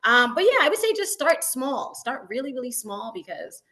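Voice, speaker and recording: A woman's voice: high-pitched, very animated, normal speed, pushed and bright. A woman who founded a school, a guest in an interview, talking casually and bubbly, with lots of "like" and "you know what I mean", from her school building over a video call.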